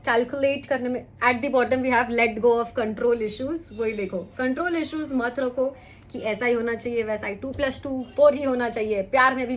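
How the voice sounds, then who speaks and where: Chatty woman giving a tarot reading. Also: fairly high pitch. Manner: chatty, mixes English into Hindi, repeats "ठीक है?". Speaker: tarot reader. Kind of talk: weekly horoscope tarot reading.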